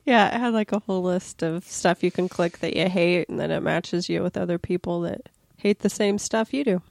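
A woman's voice: lowish voice, moderate pace, gravelly, a little mellow, dry recording. A woman co-hosting a podcast, chatting casually in a laid-back, giggly way. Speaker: podcast co-host. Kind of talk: casual chat.

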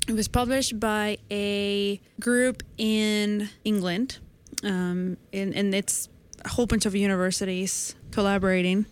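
A woman's voice: medium pitch, little pitch movement, measured pace, few pauses, smooth. Twenty-something woman explaining science casually. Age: 20s. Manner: explains a study step by step in a conversational way. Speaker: podcast co-host presenting science news.

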